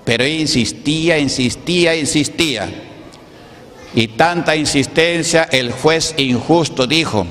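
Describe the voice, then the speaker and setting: A Pentecostal pastor, preaching a sermon and peppering it with rhetorical questions to the congregation. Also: male voice, on the high side, measured pace, fairly bright tone. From Peru. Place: church hall. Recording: echoey church hall.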